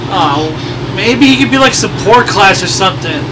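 A man's voice: sits high, expressive, moderate pace. A man co-hosting a let's play, chatting casually with exclamatory, slangy reactions. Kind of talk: casual gaming chat. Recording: noisy, distant mic.

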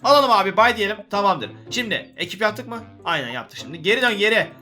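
A man hosting a gaming video, giving excitable, joking gameplay commentary straight to his viewers. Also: sits high, fast, soft background music.

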